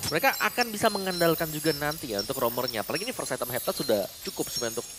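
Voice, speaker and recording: A man's voice: fairly high pitch, sing-song, very fast, noisy background. A man with an Indonesian accent explaining plays as an analyst in live esports commentary. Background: loud music.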